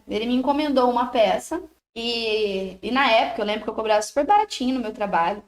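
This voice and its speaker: A young Brazilian woman with a high, bright-pitched voice tells a story in a chatty, expressive way. Her voice rings through an echoey room. It sounds like a casual craft vlog. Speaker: biscuit artisan and course creator.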